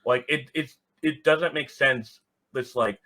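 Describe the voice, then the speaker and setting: Speaking slowly in a mid-range voice with a sharp edge, this soccer supporters group organizer is a guest on a casual, candid podcast. He's blunt, throws in the occasional swear word, and peppers everything with "like."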